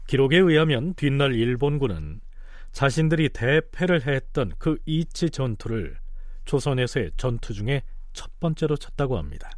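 A man's voice: mid-range voice, expressive, normal speed, no echo. Dry-sounding male history storyteller. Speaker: history programme host. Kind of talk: explanatory storytelling narration.

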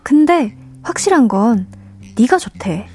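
A woman voicing a bossy older sister-figure who sets up blind dates, brisk and knowing. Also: on the high side, sing-song, dark tone, slightly rough, exaggerated voice.

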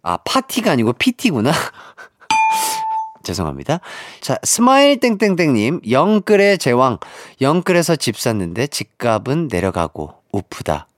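A man's voice: medium pitch, huge pitch swings, moderate pace. A man hosting a radio quiz, joking playfully as he reads out listener messages. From Jeolla, South Korea. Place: radio studio. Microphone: studio microphone.

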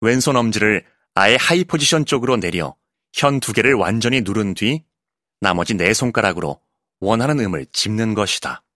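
A male voice actor reading an essay audiobook in a calm, clear narrating voice, recorded close in a studio booth. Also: fairly low pitch, moderate pace, no echo. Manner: calm, clear narration with lively, expressive intonation.

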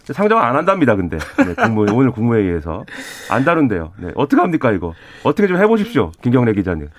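A male radio commentator talks conversationally and very fast. His mid-pitched voice is slightly hoarse, with very lively intonation, in a dry studio sound. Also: dry recording. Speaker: current affairs commentator.

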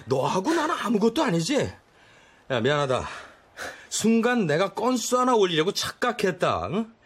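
A young man acting as a brash, swaggering older stepbrother with a husky voice. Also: sits high, very animated, normal speed, fairly bright tone, exaggerated voice. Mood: pleading. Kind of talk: drama acting.

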